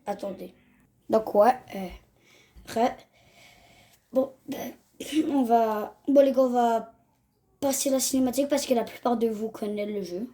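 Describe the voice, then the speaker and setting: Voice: medium pitch, unhurried, long pauses, mellow. A young gamer, chatting casually to viewers over a let's-play in slangy talk. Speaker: gaming video host. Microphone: phone.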